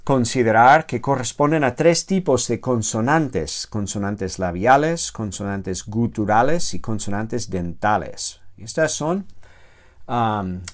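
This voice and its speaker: Slow, halting male teacher. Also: on the low side. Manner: slow, halting, many self-corrections and filler sounds; drawn-out spelling of word forms. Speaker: theology teacher. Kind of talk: recorded grammar lecture.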